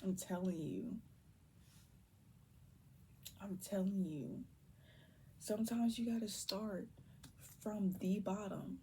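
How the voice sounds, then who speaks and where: A young woman giving a casual tarot reading to viewers, keeping her voice down and slipping between low talk and soft whispers. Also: slow, long pauses, a little hiss or hum. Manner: holds her voice down on purpose. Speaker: tarot reader.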